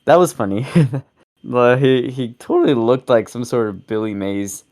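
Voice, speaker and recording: Casting: young man, mid pitch, podcast co-host, loose rambling delivery with chuckles. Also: normal speed, darkish tone. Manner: rambling, self-correcting, chuckles often. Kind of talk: casual review chat.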